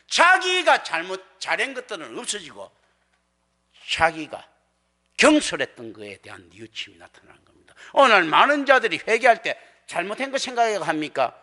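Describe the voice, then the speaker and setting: Lively, bright-voiced man preaching. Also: high-pitched. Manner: animated preaching, acts out quoted voices. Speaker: pastor. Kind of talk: sermon. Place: church sanctuary.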